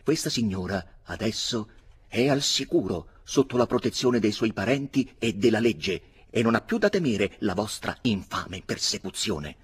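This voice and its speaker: A man voicing a self-righteous young gentleman who lectures in a haughty tone. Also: lowish voice, lively intonation, moderate pace, husky, voice pushed up. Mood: indignant.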